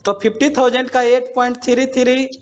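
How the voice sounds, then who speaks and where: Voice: high voice, flat delivery, brisk, faint music behind. A student in a live online class who asks the teacher questions politely, calls him sir, and heard over a call line. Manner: polite, calls the teacher sir, mixes English number words into Hindi. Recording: dull lo-fi call audio.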